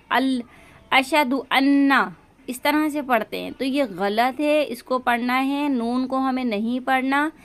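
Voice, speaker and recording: A woman giving a step-by-step religious lesson, speaking patiently and stretching words out to show how they should be pronounced. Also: sits high. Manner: slow and patient, drawing out words to demonstrate pronunciation. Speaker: religious teacher.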